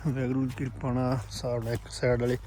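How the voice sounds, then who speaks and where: A man's voice: medium pitch, completely flat delivery, fast talker, warm tone. A man with a Punjabi accent chatting casually as a farmer vlogger, with banter while working outdoors. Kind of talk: casual vlog chat and work banter. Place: outdoors on a farm. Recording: faint outdoor field noise.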